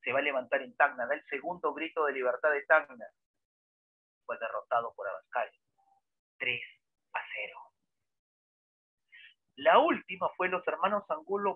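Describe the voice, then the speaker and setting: Dramatic male history teacher, raised pitch, husky tone, questions the class as he tells the story. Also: no room sound. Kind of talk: lively classroom lecture. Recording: dry, tinny phone-like sound.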